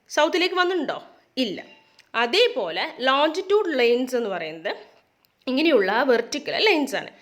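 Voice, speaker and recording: A woman teacher, her voice pitched a little high and moving up and down a lot. She talks through a lesson and keeps dropping in English terms. She poses questions and then answers them herself. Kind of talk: classroom lesson explanation.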